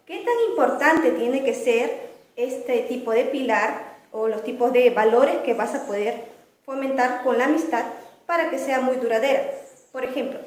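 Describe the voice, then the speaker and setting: A woman's voice: sits high, a little mellow, echoey room, poor audio. A young woman, a student, giving a class presentation, explaining topics and posing questions she then answers herself. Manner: explanatory, often asks and answers her own questions.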